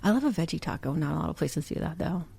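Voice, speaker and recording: A woman's voice: low voice, expressive, fast, vocal fry, warm tone, breathy edge. A young woman co-hosting a podcast, chatting casually and giggling often. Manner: giggly, lots of "like" fillers. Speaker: podcast co-host. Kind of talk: casual chat. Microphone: podcast microphone.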